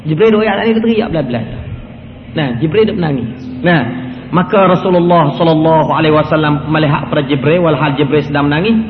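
A high-pitched man delivers a colloquial religious lecture and repeats his phrases for emphasis. His voice rings through a big echoey hall with a long tail of reverb. It comes through thin and phone-like over a faint hiss. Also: fast. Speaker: preacher.

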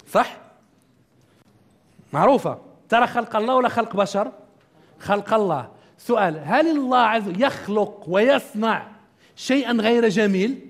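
Animated high-voiced man lecturing fast. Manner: animated, asks the audience questions and answers them. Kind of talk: interactive lecture to a live audience.

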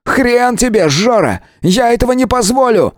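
A passionate young detective with a raised, straining voice, put on by a male narrator. His words leap up in pitch and swing widely. The recording is dry and close. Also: lively intonation, moderate pace, dry recording. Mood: outraged. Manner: shouting high and pleading.

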